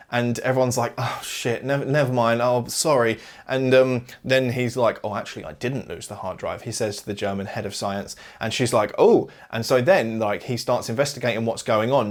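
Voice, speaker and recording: A man giving a casual, rambling movie recap, chatty and sarcastic, full of fillers and asides. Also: medium pitch. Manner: sarcastic, mocking. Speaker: movie reviewer.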